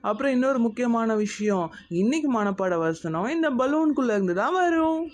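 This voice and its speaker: A young woman acting as teacher in a children's Bible-school skit, lively and coaxing as she speaks to the kids. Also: on the high side, fairly quick, a little hiss or hum. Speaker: church children's program teacher.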